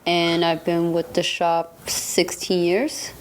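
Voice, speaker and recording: A woman in her thirties, raised in Germany, talks easily with a fairly low voice. She laughs often and grows lively and bright when telling a story. The talk is relaxed and conversational. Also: slow pace, slight background noise. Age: 30s. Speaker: guest barber. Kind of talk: casual chat.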